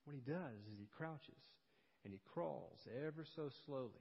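A man preaching an expository sermon, telling stories and swinging between loud emphasis and hushed, low passages. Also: animated, moderate pace, vocal fry. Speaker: pastor. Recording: dull sound with long hall reverb.

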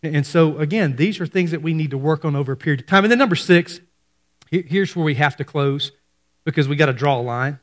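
Male pastor, conversational sermon delivery, slightly higher voice, hushed drops for emphasis, long hall reverb. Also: brisk.

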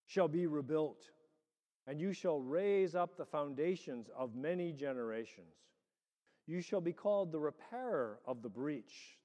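A man preaching and reading as a pastor, with a measured, deliberate delivery in short phrases. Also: a little high, darkish tone. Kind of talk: sermon with prayer and scripture reading. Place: large reverberant church. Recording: long hall reverb.

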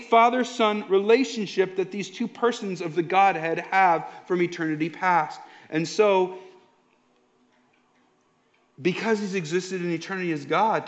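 A pastor preaching a sermon in an emphatic, slow and deliberate way. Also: male voice, high-pitched. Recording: dull lo-fi sound.

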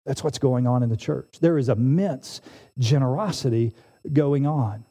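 A man in his forties preaching a sermon, animated and emphatic, often restarting his phrases. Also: mid-range voice, a little slow. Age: 40s. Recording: long hall reverb.

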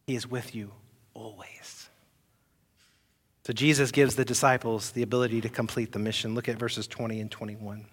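A man preaching a Sunday sermon as pastor, asking the congregation rhetorical questions and swinging between loud emphatic peaks and soft, quiet asides. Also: mid-range voice, fairly even intonation, moderate pace, breathy edge, long reverb tail.

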